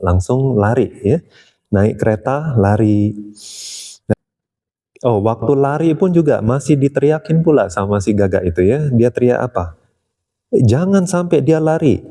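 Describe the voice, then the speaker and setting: A man's voice: medium pitch, lively intonation, measured pace, pauses often, warm tone. A man retelling a religious tale in a casual, chatty way, often tagging his sentences and chuckling.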